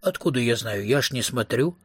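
A husky-voiced man voicing a hungry, whiny young male vampire in an audiobook reading. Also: medium pitch, lively intonation, fairly quick, dry recording, clean studio sound, pitched below the performer's own voice. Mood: grudging. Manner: whiny, grumbling.

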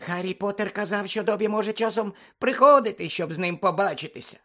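A squeaky timid house-elf. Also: male voice, fast, bright, forceful tone. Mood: squeaky eager. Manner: squeaky, eager, servile.

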